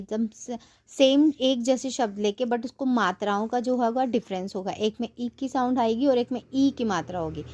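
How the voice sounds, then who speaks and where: A woman's voice: on the high side, darkish tone. Patient woman teaching a kids' lesson. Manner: patient, coaxing, repeats sounds slowly.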